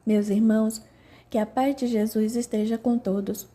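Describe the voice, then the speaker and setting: A woman's voice: fairly high pitch, normal speed, close to an everyday voice. Woman reading as a serene male spirit mentor. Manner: calm, gentle sermon-like address. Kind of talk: audiobook narration.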